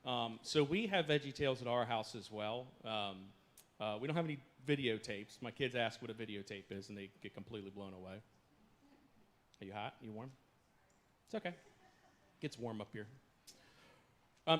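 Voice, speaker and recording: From a church stage, a guest speaker delivers a casual, joking sermon to the congregation in a mid-range voice with lively intonation. He talks at normal speed with long pauses, mixing self-deprecating humor and many fillers, often slipping into jokes between "uh"s.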